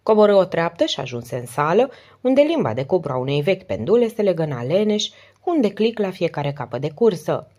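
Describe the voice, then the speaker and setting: A female narrator reads a novel aloud in a deep, low voice. Her delivery is steady yet lively in melody, rising and falling with the prose. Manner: steady, expressive reading. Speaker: audiobook narrator. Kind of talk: audiobook narration.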